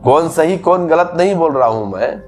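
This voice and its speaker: A man's voice: fairly high pitch, expressive, moderate pace, faint music behind. A man giving a spiritual discourse as a teacher, explaining patiently through repeated everyday examples.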